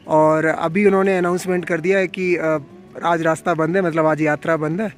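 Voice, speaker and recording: At a normal speed and with flat delivery, a man with a voice on the high side narrates his mountain-trail travel vlog. Unwell with a fever and weary from the climb, he chats casually and shares friendly advice.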